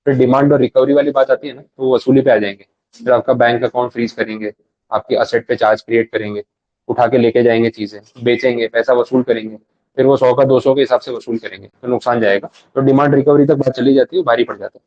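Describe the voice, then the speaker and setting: A man's voice: medium pitch, steady tone, a little mellow, dry recording, lo-fi sound. A man giving a live revision lecture in a chatty way, acting out short bits of dialogue. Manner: fast, conversational, acts out little dialogues.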